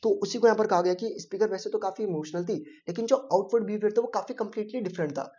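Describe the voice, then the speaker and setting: Male English tutor explaining fast for exam prep, warm low-lit tone, slightly lo-fi sound. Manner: mixes Hindi and English, quizzes students with rhetorical questions. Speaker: English teacher.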